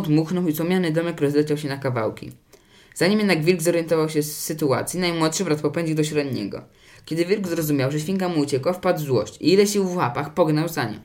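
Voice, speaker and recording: Man reading a children's story, slightly high. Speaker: narrator.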